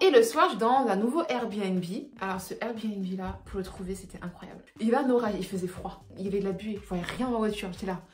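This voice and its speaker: A young adult woman telling her solo travel mishaps in an animated, slangy way, laughing as she goes. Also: mid-range voice, fast, few pauses. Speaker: travel vlogger. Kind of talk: casual storytelling to camera. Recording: echoey room, faint music.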